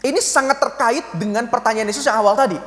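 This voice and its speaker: A pastor in his thirties preaches in a brisk, conversational way, full of animated asides. His voice sits high for a man and he talks fast. The sound rings with the long reverb of a church hall. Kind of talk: sermon.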